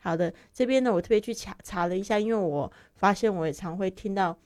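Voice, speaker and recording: A woman's voice: mid-range voice, quick pace, a little mellow, dry recording, studio quality. A woman giving a chatty, casual spoken English lesson, explaining terms and spelling words out letter by letter. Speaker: English teacher. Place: living in Barcelona, dry room.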